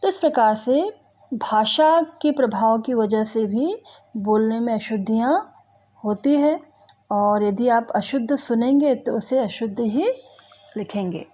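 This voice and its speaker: Slow, mellow-voiced woman teacher. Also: fairly high pitch. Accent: Indian. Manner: slow, deliberate, repeats example words one by one. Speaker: school teacher. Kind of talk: recorded Hindi grammar lesson.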